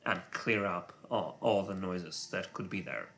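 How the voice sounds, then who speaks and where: A man with a Russian accent works through code on a live stream in a low, unhurried voice. He talks to himself in halting bursts full of filler sounds. He sounds self-conscious about his English. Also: expressive, fairly bright tone. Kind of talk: live coding stream, thinking aloud.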